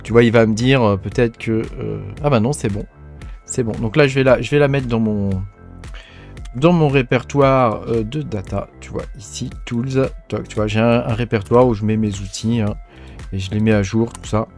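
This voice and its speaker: A man's voice: mid-range voice, moderate pace, a little mellow, faint music behind. A man from France hosting a casual tech tutorial, talking informally to the viewer with many fillers and tags like "hein". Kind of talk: casual screen-recorded tutorial.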